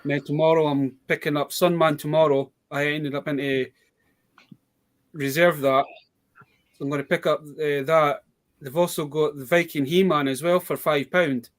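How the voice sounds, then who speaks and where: A man's voice: a little high, fairly even intonation, normal speed. A man with a British accent chatting casually about toy bargains in a rambling, storytelling way. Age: adult. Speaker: toy collector guest. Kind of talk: casual live chat.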